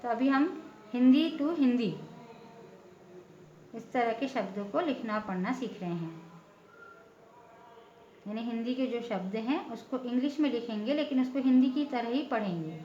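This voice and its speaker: A woman's voice: a little high, expressive, moderate pace, long pauses, dark tone, a little hiss or hum. A woman teaching a patient, step-by-step lesson, often checking in with her listeners. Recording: echoey room, dull lo-fi sound.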